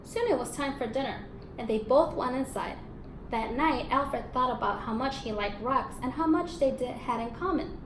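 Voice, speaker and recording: At a moderate pace and in a high-pitched voice, a woman teacher reads a storybook expressively to young pupils, prompting them with questions and affirming their answers. The recording has a roomy echo and faint noise in the background.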